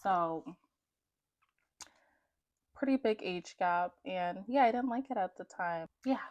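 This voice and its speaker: A woman's voice: lowish voice, slow pace, darkish tone, highs cut off. A young adult woman chatting casually to viewers as she reads from her own journal, with wry, self-mocking asides. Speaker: vlogger.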